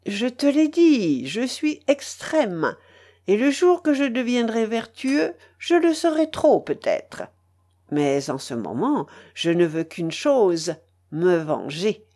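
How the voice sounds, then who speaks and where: A woman's voice: a little high, very animated, slow pace, mellow, voice pushed up, exaggerated voice. A woman reading an audiobook, voicing a vengeful, scornful male pirate who threatens with sneering emphasis. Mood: menacing.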